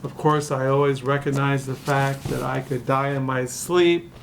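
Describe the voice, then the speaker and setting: A man's voice: medium pitch, flat delivery, normal speed, vocal fry, slight background noise. A man in his sixties from California, rambling through a casual home vlog with many fillers and restarts, recorded in his dining room. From California, USA. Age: 60s. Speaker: book vlogger. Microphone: camera mic.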